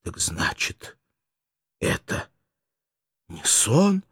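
A dying gladiator murmurs in a weak, breathy, faltering voice, as the narrator puts him on. His pitch is low, his delivery is tender and slow, and the sound is dry, close storybook narration. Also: huge pitch swings, a bit bright, dry recording, heavily acted. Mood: faint tender.

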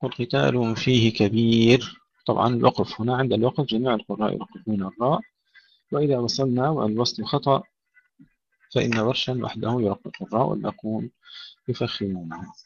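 Gravelly man teaching Quran recitation. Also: mid-range voice, a little hiss or hum. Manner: recites verses slowly then explains letter by letter. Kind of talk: tajweed lesson. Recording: dull lo-fi recording.

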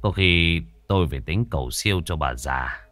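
A man doing a low, shaken village husband. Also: lively intonation, normal speed, fairly bright tone. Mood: subdued. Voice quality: low and subdued.

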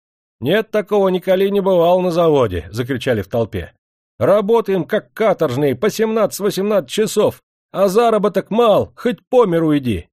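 A man voicing an angry crowd of factory workers shouting at their owner in an audiobook. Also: sits high, big pitch swings, normal speed, dry recording, clean studio sound, pitched above the performer's own voice.

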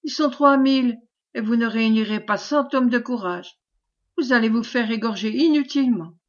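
A woman's voice: on the high side, normal speed, highs cut off, close to an everyday voice. Scheming old woman feigning terror, read by a woman. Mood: pleading. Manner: pleading, theatrical.

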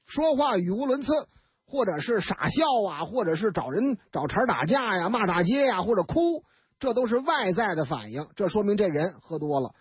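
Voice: mid-range voice, husky, no echo. A radio storyteller with a Beijing accent, telling a tale in chatty colloquial style with sound effects and asides. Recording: dull, dry radio studio recording.

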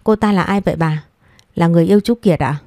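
A woman's voice: fairly low pitch, quick pace, warm tone, no echo, clean studio sound, lightly acted. A woman voicing a kind, earnest young granddaughter in an audio story, speaking in a pleading way.

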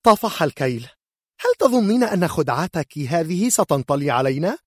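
A man voicing a furious, proud noble mother who shouts in outrage, with a shrill, loud voice. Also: very animated, moderate pace, no echo, clean studio sound.

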